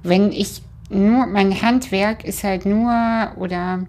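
A woman's voice: medium pitch, steady tone, slow pace, darkish tone. Hesitant woman in casual talk. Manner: hesitant, with frequent fillers and restarts. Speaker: stage speaker. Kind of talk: casual conversation.

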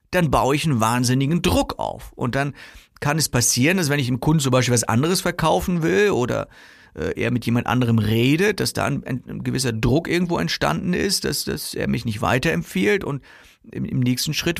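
Gravelly-voiced man coaching salespeople. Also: mid-range voice, no echo, studio quality. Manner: chatty, acts out customer and seller quotes. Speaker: sales trainer. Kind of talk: casual spoken sales coaching.

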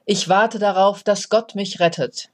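A stubborn, pious man stranded on a flooded roof, insisting he will wait, as a podcaster reads him aloud. The voice is plain and close to everyday speech, with even, insistent refusals. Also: mid-range voice, measured pace, lightly acted.

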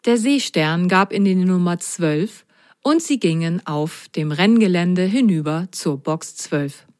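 A woman narrating a children's storybook in a lively, expressive way. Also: fairly low pitch, a little slow, no echo, clean studio sound.

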